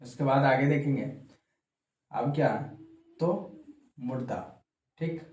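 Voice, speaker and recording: A man with a Bihari Hindi accent giving a casual exam-prep lesson, repeating points slowly and checking in with the class. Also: mid-range voice, a little mellow, dull audio. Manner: slow, repetitive, frequent "ठीक" check-ins. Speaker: teacher. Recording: roomy echo, faint background noise.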